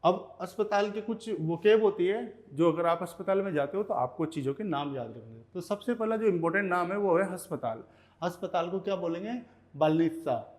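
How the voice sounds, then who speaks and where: High-voiced man teaching slow vocabulary. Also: lively intonation, a little mellow. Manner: repeats words slowly, often says "ठीक है". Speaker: language teacher. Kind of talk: Hindi lesson teaching Russian vocabulary.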